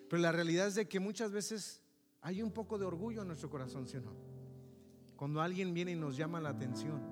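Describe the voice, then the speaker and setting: Mexican male pastor, high voice, lively sermon delivery, long hall reverb with soft music under it. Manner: lively, asks the congregation "¿sí o no?".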